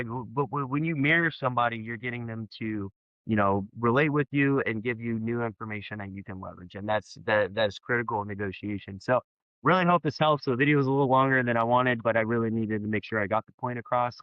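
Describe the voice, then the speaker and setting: A man teaching a sales technique in a casual explainer video, talking in a halting way with many fillers and restarts. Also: mid-range voice, dry recording, lo-fi sound. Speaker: sales trainer.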